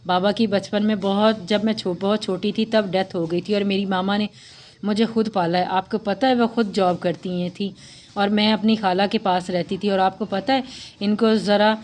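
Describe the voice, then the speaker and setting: A woman's voice: mid-range voice, steady tone, normal speed, darkish tone, close to an everyday voice. Woman reading as a chirpy cheeky girl. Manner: bubbly, teasing chatter.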